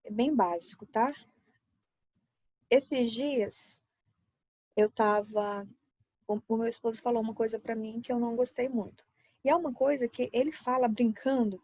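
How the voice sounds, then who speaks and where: Woman, relationship-advice talk into a laptop on her lap, somewhat high voice, friendly. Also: mellow, no room sound. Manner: friendly, explains with everyday examples. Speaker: psychological support speaker. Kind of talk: casual advice talk to camera.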